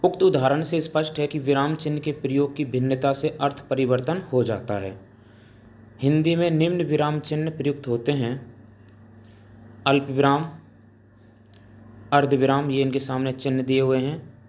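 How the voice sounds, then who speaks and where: A man teaching Hindi grammar in a slow classroom lecture. He pauses between items and reads each example out slowly before he explains it. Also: medium pitch, fairly even intonation, a little mellow, slight background noise. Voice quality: deliberate, pausing between listed items. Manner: dictating examples slowly, then explaining them.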